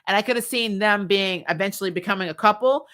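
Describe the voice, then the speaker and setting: A woman hosts a fan recap livestream, chatting bluntly and casually about TV shows with loose phrasing and some swearing. Her mid-range voice is fairly bright, and she talks fast.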